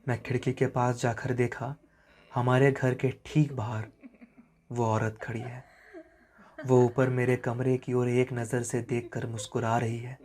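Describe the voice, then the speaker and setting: A man tells a spoken horror story with dramatic, suspenseful narration. His delivery is slow and often falls to a quiet hush at the tense moments. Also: medium pitch, level tone.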